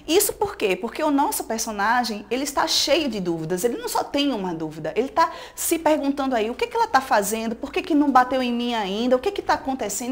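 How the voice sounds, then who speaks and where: A Brazilian woman teacher giving a recorded school lesson, explaining step by step and checking in with "né?" and "tá?". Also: a little high. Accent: Brazilian Portuguese.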